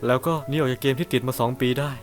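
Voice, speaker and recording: A young man doing a crude comedic parody dub, brash and swearing through rapid-fire jokes. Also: medium pitch, steady tone, faint music behind. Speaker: parody dubber.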